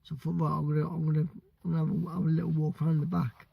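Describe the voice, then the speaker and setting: A British man from the UK telling a story casually, excitable and stumbling over his words. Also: a little high, very fast, vocal fry, husky, no echo, dull audio. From United Kingdom. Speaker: vlogger.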